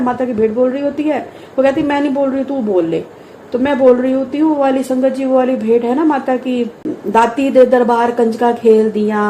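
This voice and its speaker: A woman's voice: a little high, warm tone, roomy sound, slight background noise, poor audio. Earnest woman telling a devotional testimony. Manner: earnest, emotional storytelling, keeps addressing the congregation.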